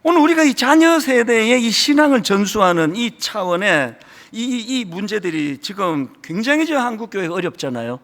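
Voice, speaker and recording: A Korean pastor in his sixties delivering a sermon, emphatic, with loud stressed lines and sudden hushed drops. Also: sits high, lively intonation, normal speed. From South Korea. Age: 60s. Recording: reverberant hall.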